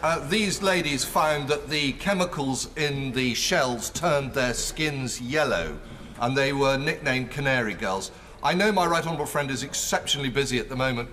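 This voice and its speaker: Man, bright crisp-edged voice, polite parliament speech in an echoey hall. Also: medium pitch. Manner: formal, courteous. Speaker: member of parliament. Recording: echoey debating chamber.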